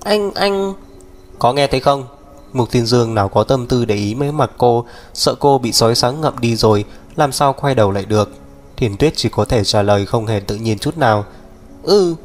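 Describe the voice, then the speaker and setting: Một người đàn ông đọc truyện audio, giọng đều đặn, kể chuyện theo kịch bản. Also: male voice, medium pitch, fairly quick. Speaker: audiobook narrator. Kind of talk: scripted narration. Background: faint music.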